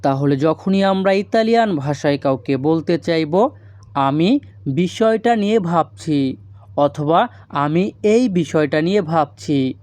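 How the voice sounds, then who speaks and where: A man teaching a language lesson, spelling out phrases slowly and repeating them word by word. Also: fairly high pitch, lively intonation, darkish tone, no echo. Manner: slow, deliberate delivery, repeating phrases word by word.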